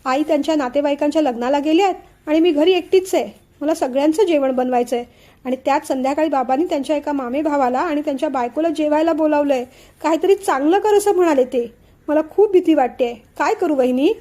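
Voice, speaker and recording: A woman's voice: sits high, fast talker, warm tone, natural voice. A woman voicing a frightened young daughter-in-law who speaks hesitantly and close to tears. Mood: anxious. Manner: tearful and hesitant.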